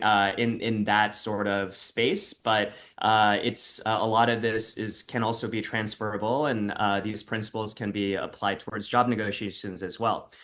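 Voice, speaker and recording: Man, somewhat low voice, hesitant, lots of filler sounds, guest on a podcast. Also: fairly bright tone. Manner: halting, full of "uh" fillers. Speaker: co-founder, guest. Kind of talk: interview.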